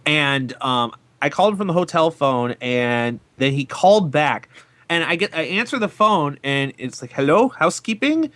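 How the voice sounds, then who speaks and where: Lively, laughing American man hosting. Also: fairly high pitch, moderate pace. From United States. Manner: laughing, chatty, restarts a lot. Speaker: show host. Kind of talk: casual live radio chat.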